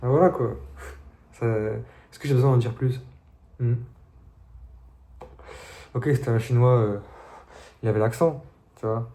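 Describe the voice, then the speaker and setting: A man's voice: medium pitch, fairly even intonation, unhurried, pauses often, warm tone. A young man telling stories to his viewers in a casual, slangy, laid-back way. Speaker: vlogger. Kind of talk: casual storytelling monologue to viewers.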